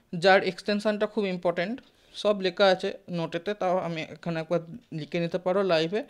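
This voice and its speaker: A teacher gives a live class lecture in a smooth, clear voice at an ordinary middle pitch. The delivery is conversational: frequent check-ins with the listeners, questions put to the class, and English technical words mixed into the speech. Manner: sprinkles English terms into the talk.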